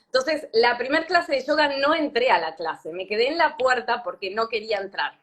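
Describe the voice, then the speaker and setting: Speaking reflectively as an interview guest, a Patagonian yoga teacher in her thirties shares her story in an Argentine Spanish accent. Her voice is slightly high, animated, and a bit bright, and she pauses frequently with lots of fillers and restarts.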